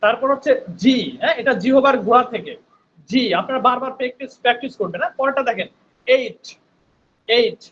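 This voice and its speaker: Through headphones on a video call, a man with an extremely high, fairly bright voice runs a spoken English class online, highs cut off. He's patient and repetitive, slowly going over sounds again and often checking in with "right?"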